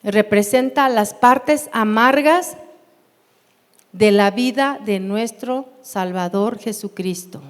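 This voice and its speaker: A woman with a Mexican Spanish accent teaching a Bible class in a church, unhurried and often asking her listeners questions. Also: medium pitch. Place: church hall. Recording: long hall reverb.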